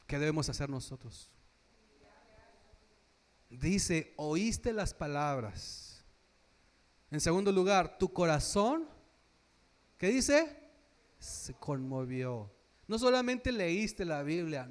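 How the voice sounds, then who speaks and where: A man from Mexico preaching a sermon as pastor. He questions the congregation, repeats key phrases for emphasis, builds to loud emphatic passages and drops his voice low at the ends of phrases.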